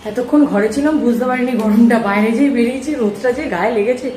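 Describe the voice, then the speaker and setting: A woman vlogger with a slightly high, warm voice talks fast as she tells her viewers about her day at home, addressing them directly in a chatty way. The room sounds echoey, with a bit of hiss or hum.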